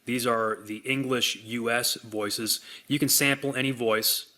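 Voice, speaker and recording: A man hosting a software demonstration, walking through it in an upbeat sales manner. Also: medium pitch, steady tone, measured pace. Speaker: software demo host. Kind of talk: product demonstration.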